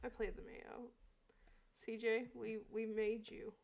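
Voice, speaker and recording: A woman's voice: on the high side, flat delivery, slow, creaky, darkish tone. Teasing young woman streamer. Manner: teasing, laughing, playfully threatening. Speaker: streamer host. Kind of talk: casual chat.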